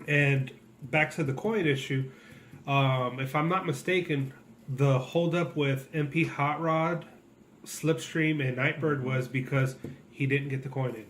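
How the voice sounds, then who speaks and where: A man's voice: medium pitch, steady tone, a little slow, a bit bright. A man speaking as a co-host in a casual, conversational complaint, explaining his opinions. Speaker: co-host and toy collector. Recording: noticeable background noise.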